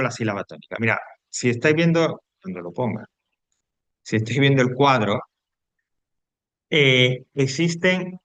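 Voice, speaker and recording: Here a man with a mid-range, somewhat bright voice teaches grammar without any echo in the sound. Patient and explanatory, he repeats himself and frequently checks with students using tag questions.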